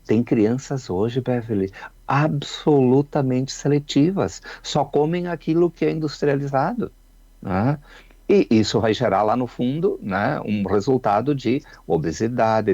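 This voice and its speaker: A man's voice: medium pitch, animated, a little slow, darkish tone, dry recording, muffled recording. A man, a childhood researcher, explaining his views on a radio show, reflective and full of "né?" tags. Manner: reflective, repeats words, many "né?" tags.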